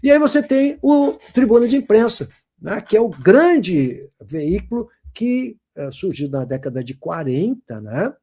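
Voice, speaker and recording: A man teaching essay writing in an animated, emphatic lecture, speaking straight to his students. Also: high-pitched, measured pace. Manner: lively, emphatic, addresses students directly.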